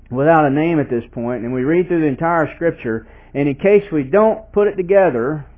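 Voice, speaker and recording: A man preaching an expository sermon in a conversational way, asking his listeners questions and reading scripture aloud with emphasis. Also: medium pitch. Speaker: pastor. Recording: tinny phone-like sound.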